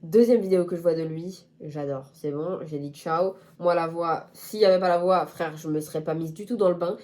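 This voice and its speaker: A woman's voice: on the low side, fairly quick, warm tone. Chatty, playful young woman vlogging. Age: young adult. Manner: chatty, playful and self-mocking, with slang. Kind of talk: casual chat to camera.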